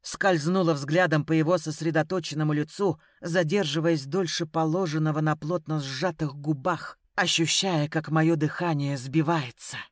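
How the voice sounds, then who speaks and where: A woman's voice: deep voice, fairly even intonation, moderate pace, hardly any pauses, no echo, clean studio sound. Woman reading a dramatic audiobook. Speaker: audiobook narrator. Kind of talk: expressive audiobook narration.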